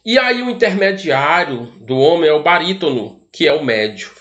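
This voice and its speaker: Brazilian male teacher, slightly high voice. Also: expressive, moderate pace, a bit bright, dull audio. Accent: Brazilian Portuguese. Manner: explanatory, asks rhetorical questions, frequent tag questions. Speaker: arts teacher. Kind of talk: recorded classroom lesson.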